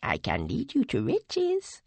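Male narrator doing a tiny scheming skull spirit, creaky and breathy, dry close sound. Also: very high-pitched, huge pitch swings, takes it slowly, darkish tone, dry recording, voice pushed up, full character voice. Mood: wheedling. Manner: wheedling, tempting. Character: scheming, flattering small skull god.

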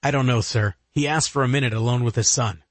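A man voicing a dutiful young agent with a stiff, officious manner and a husky voice. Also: medium pitch, fast talker, no room sound, pitched above the performer's own voice, close to an everyday voice. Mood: firm.

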